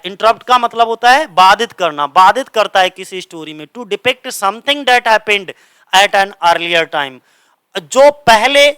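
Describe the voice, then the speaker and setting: High bright-voiced teacher quizzing. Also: male voice, clean tone, no echo. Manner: drills with repeated questions and answers; reads English slowly, explains in Hindi. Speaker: English literature teacher. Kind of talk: exam-prep lecture.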